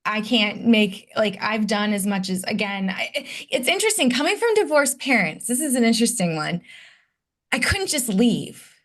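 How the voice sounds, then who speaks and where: A Detroit woman in her late thirties, appearing as a podcast guest, speaks in a slightly high, sing-song voice with a fairly bright tone at a moderate pace. In a conversational interview, she candidly reflects on her past through personal stories.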